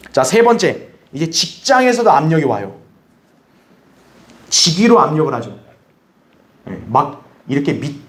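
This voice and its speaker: A man pastor teaching a Bible study, animated, asking the congregation questions and acting out what others might say. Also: fairly high pitch. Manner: animated, acts out others' remarks in a raised voice; asks the audience questions. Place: church hall.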